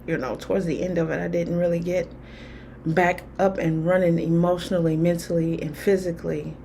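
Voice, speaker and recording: Lady rambling on camera, kinda low voice, faint hiss behind. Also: level tone, fairly quick, gravelly, mellow. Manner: candid, rambling, with frequent fillers and laughs. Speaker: spiritual vlogger. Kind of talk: casual personal talk to camera.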